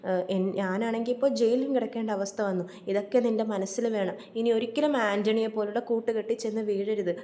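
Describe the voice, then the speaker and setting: A woman voicing a kind, protective husband who gently scolds and advises. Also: high-pitched, steady tone, quick pace, lightly acted. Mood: advising. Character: kind elder-brother husband, calm and protective.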